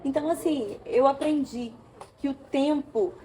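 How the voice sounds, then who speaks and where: A woman from Brazil, an interview guest, telling an emotional personal story with animated storytelling and acted-out dialogue. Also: high voice, measured pace, slight background noise.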